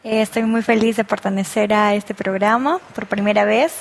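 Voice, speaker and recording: A woman from Peru speaks as a guest on a religious talk show. Her voice has a gravelly, fry-tinged edge, and she talks gently, padding her phrases with soft fillers. Her pitch sits in the middle range. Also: fairly even intonation, normal speed, slight background noise. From Peru, Loreto region. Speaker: guest, missionary.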